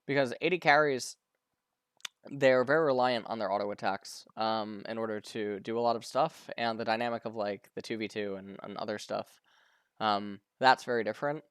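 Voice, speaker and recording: A man's voice: on the low side, fairly even intonation, moderate pace, clean tone, no echo, studio quality. A man streaming live, casually commenting on a pro match, often stumbling, repeating words and answering viewers' questions.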